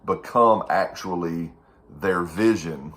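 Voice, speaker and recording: A man's voice: deep voice, slow, a crowd in the background. A man co-hosting a faith-based chat, talking earnestly in a rambling way, with restarts and chuckles. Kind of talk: casual chat, preaching.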